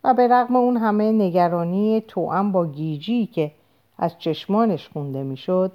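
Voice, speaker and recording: A woman narrating a novel aloud in a measured, expressive storytelling voice. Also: low voice. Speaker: audiobook narrator. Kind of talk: scripted narration.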